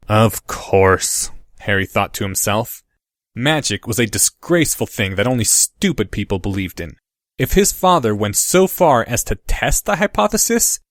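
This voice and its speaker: A man reading audiobook narration in a steady, measured way. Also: mid-range voice, no room sound.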